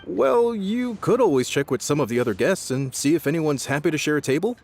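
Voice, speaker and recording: An actor playing a polite, apologetic restaurant waiter in a game, with a helpful manner. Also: male voice, fairly high pitch, expressive, a little fast, darkish tone, a little hiss or hum. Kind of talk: game dialogue.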